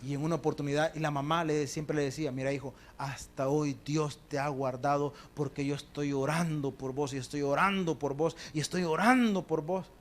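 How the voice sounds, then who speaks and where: A Salvadoran pastor preaching to his congregation, his voice pitched high. He tells stories and acts out the people in them, dropping to a hush and then rising loud, and he keeps calling his listeners brothers. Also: steady tone, fairly quick, few pauses. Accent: Salvadoran Spanish. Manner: storytelling with acted quotes, dramatic swings between hushed and loud. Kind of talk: sermon.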